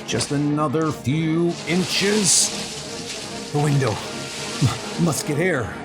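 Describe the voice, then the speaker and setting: A man's voice: on the high side, animated, extremely slow. Earnest, stern Ant-Man hero acted by a man. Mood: urgent. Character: earnest, stern male scientist superhero. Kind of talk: comic-book dub acting. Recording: loud music under the voice.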